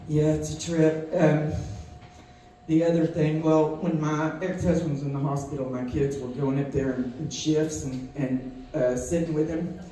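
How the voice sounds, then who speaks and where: A woman's voice: sits low, flat delivery, normal speed, dark tone. Brief: woman comic, chatty and giggly, very roomy echo, faint hiss. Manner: chatty and self-amused, laughing often. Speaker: stand-up comedian. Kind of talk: stand-up storytelling. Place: comedy club stage. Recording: echoey room from distant mic with faint noise.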